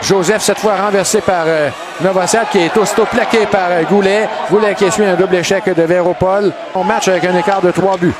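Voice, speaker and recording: A man with a Quebec French accent giving excited play-by-play hockey commentary, calling the action in a raised voice. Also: sits high, brisk. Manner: excited, shouted calls of shots and goals. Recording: noisy arena, loud crowd behind. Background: loud crowd and rink noise.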